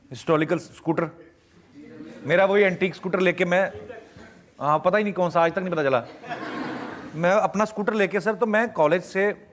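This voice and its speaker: A young man from Punjab, telling animated anecdotes as an interview guest and acting out the people in them. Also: on the high side. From Punjab, India. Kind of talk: storytelling answers in a TV interview.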